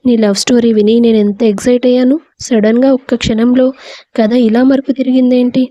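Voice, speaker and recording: A woman's voice: a little high, level tone, fairly quick, mellow, no echo, muffled recording, natural voice. A woman voicing a chatty, worried young female best friend in a storybook reading, with a gossipy manner. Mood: concerned.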